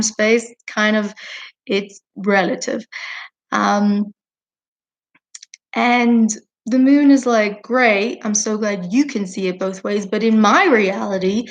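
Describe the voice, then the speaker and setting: A woman teaching a lesson by retelling an old story in a chatty, informal way with frequent fillers. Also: a little high.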